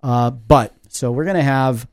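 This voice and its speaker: A man hosts a talk radio show from a studio, with a voice of ordinary pitch. He talks haltingly and fills his pauses with fillers. The sound is close and dry. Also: no echo. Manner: hesitant, with many fillers. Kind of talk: radio interview. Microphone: studio mic.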